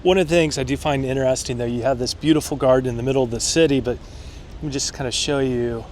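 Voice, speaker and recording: A man's voice: medium pitch, steady tone, quick pace, a little mellow. Casual male vlogger in noisy outdoor surroundings. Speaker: travel vlog host. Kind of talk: casual vlog chat. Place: outdoors in city streets and parks. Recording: outdoor city and traffic noise.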